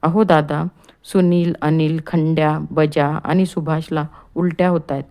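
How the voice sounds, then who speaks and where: A woman's voice: sits low, steady tone, measured pace. A woman voicing a panicked male office peon in a storybook, calling out in alarm. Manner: shouting in alarm.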